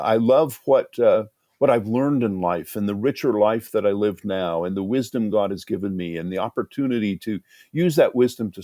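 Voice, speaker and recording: An animated man in his sixties answers interview questions like a storyteller, his pitch swinging widely. He restarts his sentences often. The sound is dry and close, with no room echo. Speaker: guest, author. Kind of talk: conversational interview.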